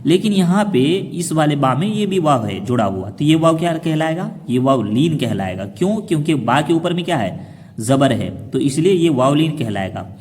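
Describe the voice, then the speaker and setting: Man teaching slowly, echoing reverb. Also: a little high, big pitch swings, a little mellow. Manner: asks questions and then answers them himself, slowing down to spell out syllables. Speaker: Quran reading teacher. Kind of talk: explaining a lesson to children.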